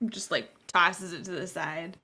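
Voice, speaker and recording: A woman's voice: on the low side, fairly even intonation, takes it slowly, sharp tone. A woman chatting casually and playfully as a player in a tabletop game, with a theatrical streak. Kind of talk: casual game table chat with in-character speech.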